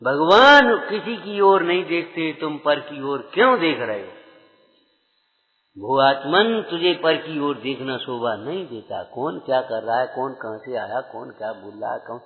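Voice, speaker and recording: A man's voice: mid-range voice, expressive, a little slow. A man preaching a sermon to a gathered audience, exhorting them and putting rhetorical questions to them. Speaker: Jain preacher. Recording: dull sound with long hall reverb.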